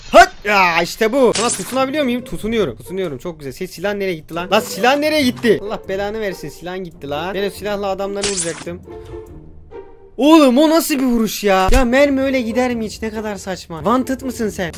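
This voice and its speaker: A man giving jokey, excitable commentary while playing a video game, breaking into yelps and shouts. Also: sits high, fast. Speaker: gaming YouTuber. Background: game music.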